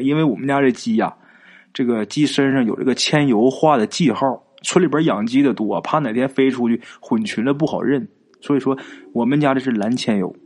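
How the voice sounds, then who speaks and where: A man's voice: mid-range voice, darkish tone, breathy edge. A man voicing an older villager who rambles through a plain, matter-of-fact explanation.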